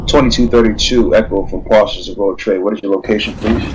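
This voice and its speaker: A man's voice: lowish voice, fast. A man improvising radio calls as a train dispatcher in a role-play, repeating himself when flustered. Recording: very noisy channel, steady vehicle-like hum.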